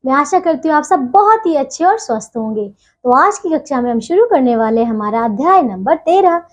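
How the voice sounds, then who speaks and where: A woman teaching a grammar lesson to children, patient and steady, pausing between phrases and often checking they follow. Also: sits high. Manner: patient, keeps asking "theek hai bachchon?"; leaves deliberate pauses between phrases.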